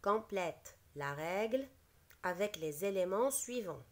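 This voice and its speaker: A woman's voice: medium pitch, lively intonation, slow pace. A woman teacher explaining a spelling lesson, patiently reading words aloud and repeating each one. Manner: explains patiently, repeats each word, switches briefly into Arabic.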